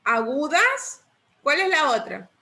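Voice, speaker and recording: High bright-voiced woman teacher. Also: lively intonation. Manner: patient, quizzing students with repeated questions; slow deliberate dictation of rules. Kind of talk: online remedial class.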